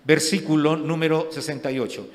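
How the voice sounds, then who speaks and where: Pastor preaching in a reverberant church. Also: male voice, fairly high pitch, steady tone, brisk. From Colombia. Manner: conversational preaching, frequent rhetorical questions and restarts. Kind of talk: sermon. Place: church sanctuary.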